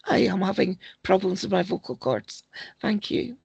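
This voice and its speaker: A hoarse woman acting as board clerk, announcing a decision in a businesslike way. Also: mid-range voice, lively intonation, moderate pace, darkish tone, no echo.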